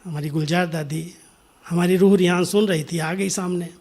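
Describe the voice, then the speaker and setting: A middle-aged man giving a spiritual discourse, telling a story in an unhurried way and sometimes sinking to a soft near-whisper. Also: sits high, fairly even intonation. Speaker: spiritual speaker.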